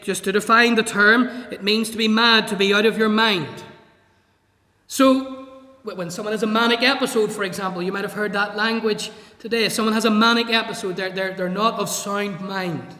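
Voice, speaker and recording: A man's voice: sits high, sharp tone. A man preaching a sermon in a church, reading scripture verses aloud and explaining them. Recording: echoey church hall.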